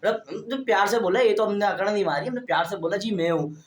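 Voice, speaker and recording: Young male vlogger, chatty to-camera storyteller, slightly high pitch, recorded in a roomy echo. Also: quick pace. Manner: chatty, keeps addressing viewers as brother; stands talking straight to camera.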